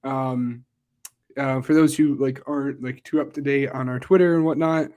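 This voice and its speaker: A man's voice: medium pitch, fairly even intonation, moderate pace, a little mellow, muffled recording. A young man co-hosting a casual podcast, talking loosely with lots of "like" and "uh" and cracking jokes. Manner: loose, filler-heavy, joking. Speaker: podcast co-host. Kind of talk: casual chat.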